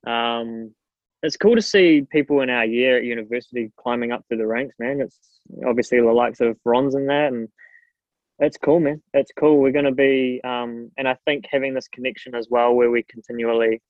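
A man's voice: mid-range voice, no room sound, dull audio. A young man with a broad New Zealand accent chatting casually and earnestly in an interview, using plenty of informal slang. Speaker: strength and conditioning coach, guest.

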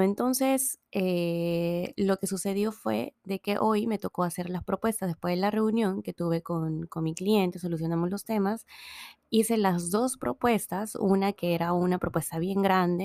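Tired woman, lowish dry voice. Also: darkish tone, no echo. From Peru. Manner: chatty, many fillers and restarts. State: a little tired. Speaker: podcast host. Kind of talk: casual monologue.

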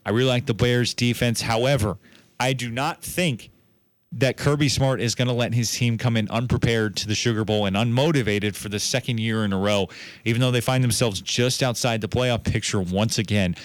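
A man hosting a sports show, running through college football bowl predictions in a brisk, confident way. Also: mid-range voice, no room sound. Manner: brisk, confident picks with a self-correcting aside.

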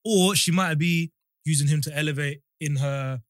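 Higher-voiced young London roadman, emphatic and slangy. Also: moderate pace, a bit bright, dry recording, clean studio sound. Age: mid-twenties. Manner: slangy, emphatic, repeats himself. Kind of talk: casual chat.

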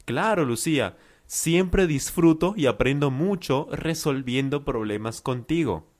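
A Peruvian man reading the lines of a calm, reassuring young man student in a lesson dialogue. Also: on the high side, unhurried, pitched above the performer's own voice. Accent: Peruvian Spanish.

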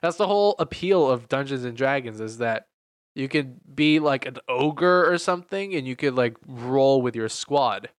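A man's voice: medium pitch, lively intonation, normal speed, clear, resonant tone, no room sound, studio quality. A man co-hosting a casual chat, loose and talkative, often eating while he speaks. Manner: chatty, eats while talking, laughs often. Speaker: podcast co-host.

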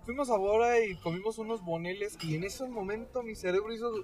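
A young man with a Mexican accent telling a story in casual chat, animated and imitating relatives. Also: a little fast. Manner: animated storyteller, mimics relatives in high voices.

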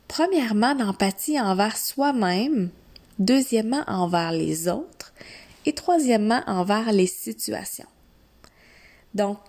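A woman with a Quebec French accent giving an instructional coaching talk to one listener, deliberate and directive, speaking phrase by phrase with repetition. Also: on the high side, a little mellow. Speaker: mindset coach.

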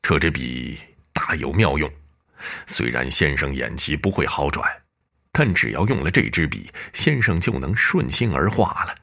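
A man voicing a ghost general from the underworld, cold and commanding, deep and slow. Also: sing-song, creaky, a bit bright, heavily acted.

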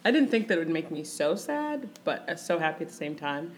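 Young woman guest, early twenties, lower voice, chatty with lots of "like", faint hiss behind. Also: big pitch swings, a little fast. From Kenya, raised in Michigan. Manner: chatty, laughs often, many "like" fillers. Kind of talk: casual podcast conversation.

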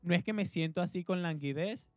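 An energetic, talkative Venezuelan man co-hosting a podcast with a somewhat high voice. He chats casually. The sound is dry and close. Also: brisk, dry recording. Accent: Venezuelan Spanish. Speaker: podcast co-host. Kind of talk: casual chat.

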